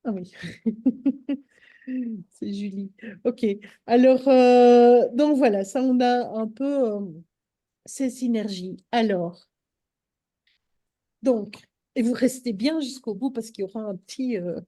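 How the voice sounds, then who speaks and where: Woman, casual live-stream chat, halting with fillers, slightly high voice, dry close sound. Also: mellow, dry recording. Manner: hesitant, many fillers and restarts. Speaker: host of a live stream on essential oils.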